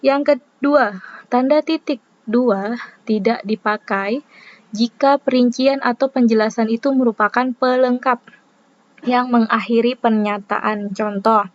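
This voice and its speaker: A woman's voice: fairly high pitch, steady tone, no room sound, lo-fi sound. A young woman student reading a class presentation, spelling out letters and examples one by one. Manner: reads examples slowly, letter by letter.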